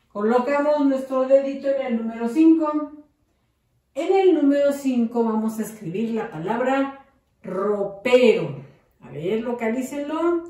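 Slow echoey teacher woman, from afar. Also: on the high side, mellow, recorded from a distance. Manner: patient, encouraging, drawn-out words. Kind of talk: slow dictation lesson for young children. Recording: very echoey room, voice off-mic.

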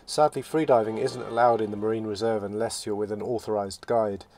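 Relaxed male vlog narrator. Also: fairly low pitch, brisk, a little hiss or hum. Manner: relaxed, reflective, with restarts. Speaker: sailing vlogger. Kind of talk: voice-over narration. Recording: voice-over with loud music behind.

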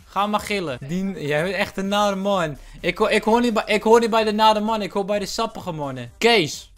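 A young man, a YouTuber, chatting with strangers on a webcam, teasing and playful with sudden loud bursts. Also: high voice, brisk, soft background music. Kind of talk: casual video chat with strangers.

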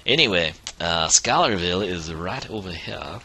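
A man's voice: sits low, lively intonation, normal speed, sharp tone, husky. A man streaming a video game who is losing his voice, chatting casually and chuckling as he plays. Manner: chatty, rambling, chuckles often. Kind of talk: casual let's-play commentary.

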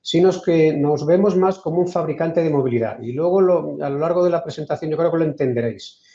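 A man from Spain with a Peninsular Spanish accent, giving an online lecture in a measured way, often restarting his sentences. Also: fairly high pitch, dark tone. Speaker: invited speaker. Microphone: video call. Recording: roomy, dull video call audio.

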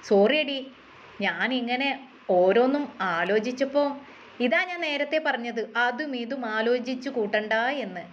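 A woman's voice: fairly high pitch, unhurried, dull audio, slight background noise, lightly acted. Woman voicing a wistful young man.

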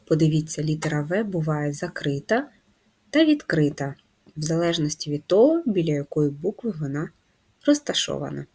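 A woman teaching a handwriting lesson to first graders, patient and slow, guiding the children step by step. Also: low voice, big pitch swings, darkish tone, breathy edge. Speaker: primary school teacher.

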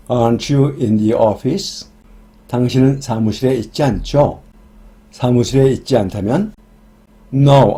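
A man explaining English grammar in a scripted lesson, reading each example sentence slowly and deliberately. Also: medium pitch, warm tone. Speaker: English teacher.

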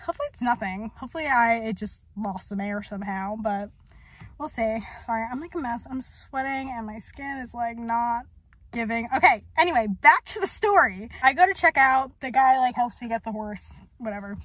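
High-voiced chatty young woman. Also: moderate pace, fairly bright tone. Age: young adult. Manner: rambling, chatty, filler-heavy. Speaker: vlogger. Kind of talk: casual chat.

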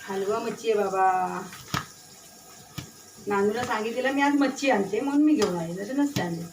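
A woman's voice: mid-range voice, normal speed, recorded from a distance, noisy background. A woman chatting casually to viewers and her pet bird while she cooks dinner at home. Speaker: home cooking vlogger. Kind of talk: casual kitchen vlog chat. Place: home kitchen. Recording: echoey kitchen from off-mic. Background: clatter of pots and dishes.

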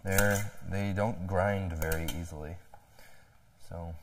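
A man's voice: deep voice, steady tone, slow, very noisy. A man hosting a vegan cooking show, chatting casually and explaining each step as he cooks. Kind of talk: casual cooking demo chat.

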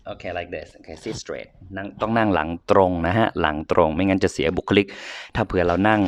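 A man's voice: low voice, moderate pace. A man with an Isan Thai accent, patiently teaching his child English at home and drilling phrases for repetition. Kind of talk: home English lesson, casual.

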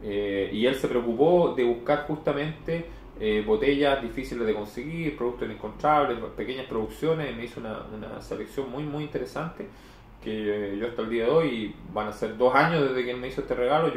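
This clip has the man in his forties speaking fairly quickly in a mid-range voice as he casually reviews beer. He explains at length, filling gaps with fillers, and a camera across the home room records him amid echo and faint noise.

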